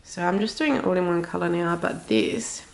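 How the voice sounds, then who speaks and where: A crochet tutorial host with a cold chats informally as she walks through a craft project step by step. Her lowish, gravelly voice comes at normal speed and sounds snuffly, her nose slightly stuffed up.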